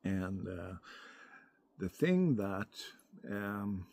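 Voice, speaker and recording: Man, very slow pace, lots of vocal fry, hesitant, casual reviewer thinking aloud. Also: low voice, sing-song, darkish tone. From Europe. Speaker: pipe tobacco reviewer. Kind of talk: casual unscripted product review.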